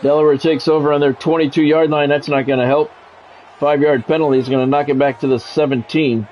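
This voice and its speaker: Speaking briskly in a fairly high voice with fairly even intonation, a man commentates football play-by-play for a video game stream. His casual reactions are blunt and conversational. The audio is dull with a little hiss or hum.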